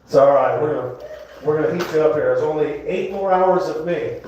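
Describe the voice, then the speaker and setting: On a comedy club stage, a man in his 60s from Florida delivers rambling, self-deprecating stand-up, energized and trading banter with the audience. He speaks a little high and briskly. The lo-fi, echoey recording is taken from afar, with background noise and the crowd's laughter.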